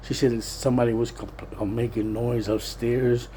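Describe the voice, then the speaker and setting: With a mid-range, dark voice that barely shifts in pitch, this man speaks at a normal speed over a slight hiss or hum. He's a plain-spoken, streetwise vlogger, originally Puerto Rican and now living in Pennsylvania, USA, rambling through a casual, repetitive monologue.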